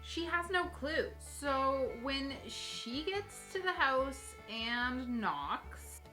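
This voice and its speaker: Speaking very slowly in a high voice with big rises and falls in pitch, a woman hosts and narrates a comic fairy-tale retelling. She talks casually to the audience with wry asides, and faint music sits in the background.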